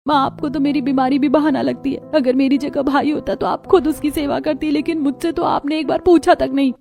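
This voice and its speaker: A woman's voice: high-pitched, fairly even intonation, fairly quick, creaky, darkish tone, faint music behind. A woman voicing a seventeen-year-old girl in a cartoon story, speaking in a pleading, hurt way. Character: 17-year-old girl, neglected and longing for love. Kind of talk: cartoon voice acting.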